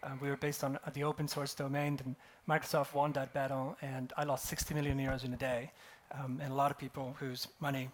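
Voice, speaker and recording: A man's voice: mid-range voice, flat delivery, quick pace. A man in his forties speaking at a conference, telling a grim personal story wryly and with a self-deprecating humor. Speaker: conference speaker, company co-founder. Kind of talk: conference talk with personal anecdote. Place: conference stage.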